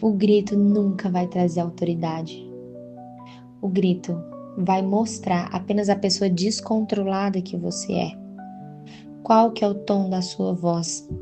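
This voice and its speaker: A Brazilian woman in her thirties gives an earnest, conversational devotional and moves into prayer. She speaks at a middle pitch and keeps turning to her listeners with questions. Faint music plays underneath her voice. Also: steady tone, unhurried. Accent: Brazilian Portuguese.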